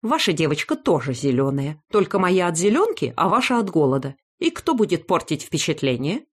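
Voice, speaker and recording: A woman voicing a fussy, loud old grandmother in an audiobook, who is indignant and blames everyone else. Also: sits low, big pitch swings, fairly quick, husky, exaggerated voice. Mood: defiant. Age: older. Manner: indignant, bossy, blames others. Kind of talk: audiobook character voice.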